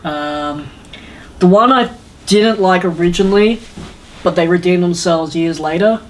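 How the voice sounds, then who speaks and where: A podcast host reviews video game films in a casual, opinionated panel chat, rambling along and acting out lines he imagines. The voice is mid-range and unhurried, with slight background noise.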